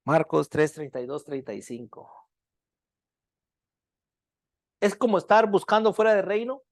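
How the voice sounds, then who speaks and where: A preacher delivering a sermon, firing rhetorical questions at the listeners, checking in with a repeated tag question, and dropping to hushed tones for emphasis. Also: medium pitch, animated, fairly quick, no echo, clean studio sound. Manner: keeps asking the congregation rhetorical questions; loudness swings widely, dropping to hushed lines.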